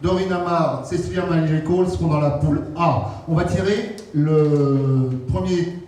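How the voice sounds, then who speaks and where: A man runs a tournament draw in a chatty, joking way, breaking off into quick asides. His voice is a little high and mellow. He sounds far from the mic in a very echoey hall with faint room noise. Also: fairly even intonation. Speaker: draw announcer.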